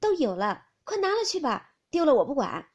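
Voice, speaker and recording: A woman's voice: sits high, sing-song, highs cut off, pitched above the performer's own voice. A woman reading as a glib shrewd noblewoman. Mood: sly. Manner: brisk, glib retorts. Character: quick-witted, shrewd young noblewoman.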